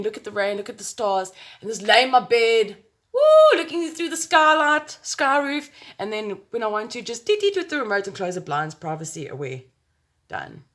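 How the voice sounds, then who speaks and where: A woman with a South African accent giving a casual, chatty makeup tutorial to camera, rambling and playful, speaking close to her phone. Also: medium pitch. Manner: chatty, rambling, playful with exclamations and sound words.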